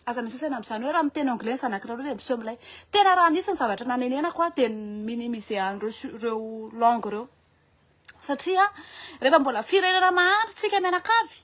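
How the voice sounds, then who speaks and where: A woman with a Malagasy accent, talking in a lively casual monologue and switching languages often. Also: a little high, normal speed. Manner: animated, switching between French and Malagasy, many restarts. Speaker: vlogger.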